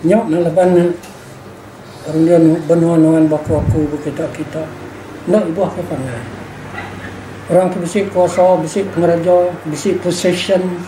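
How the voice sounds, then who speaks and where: This older man speaks a little slowly, his slightly high voice holding a steady tone. In an informal reflection as an interviewee, he stresses his points, repeats himself, and uses rhetorical tag questions, recorded with a roomy echo and faint background noise.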